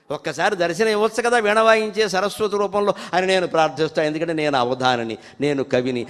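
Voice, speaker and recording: High-voiced man giving a devotional discourse. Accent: Telugu. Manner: chants verses slowly and fervently between plain explanations. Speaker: spiritual speaker. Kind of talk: devotional discourse with sung verses. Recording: hall reverb.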